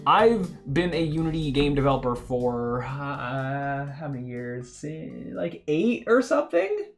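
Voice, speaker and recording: A young Canadian man with a fairly high voice streams his game development, his pitch swinging widely as he talks at an unhurried pace. He chats casually and rambles, laughing a lot, trailing off when he loses his train of thought and then starting again. Faint music plays in the background.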